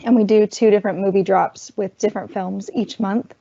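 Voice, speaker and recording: A woman student worker giving a virtual orientation presentation, chatty and losing her voice, clearing her throat. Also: mid-range voice, fairly even intonation, a little fast, mellow. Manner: chatty, explains while cueing slides. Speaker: student worker presenting campus film events. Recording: dull lo-fi online call audio.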